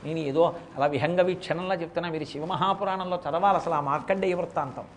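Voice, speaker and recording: A man delivers a religious discourse in an animated storytelling manner. His voice sits high for a man, and he slows into chanted verse recitations. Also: slight background noise. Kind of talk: sermon storytelling.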